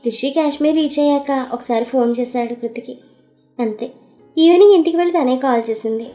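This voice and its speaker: High-voiced woman narrating a story. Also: fairly quick. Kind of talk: scripted narration. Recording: faint background music. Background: soft music.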